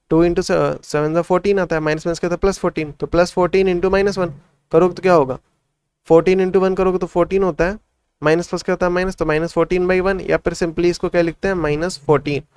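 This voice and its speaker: A man's voice: sits high, clean tone, dry recording. A man tutoring school maths, working through textbook problems step by step, counting out factors aloud and checking in after each step. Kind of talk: solving textbook exercises step by step.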